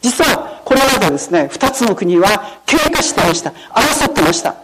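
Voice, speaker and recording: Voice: medium pitch, very animated, moderate pace, fairly bright tone, low-quality recording. A preacher speaks in a formal sermon style, explaining step by step and often closing sentences with solemn set endings. The delivery is patient and teaching, with questions put to the listeners. Faint noise sits behind the voice. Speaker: pastor. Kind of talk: sermon with storytelling.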